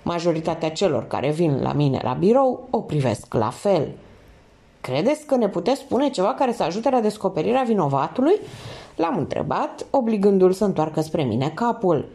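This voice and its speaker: A woman's voice: sing-song, mellow. A woman reading a crime novel aloud in the first person, lifting her voice for the characters' lines. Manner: reads in first person, lifts pitch for quoted speech. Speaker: audiobook reader.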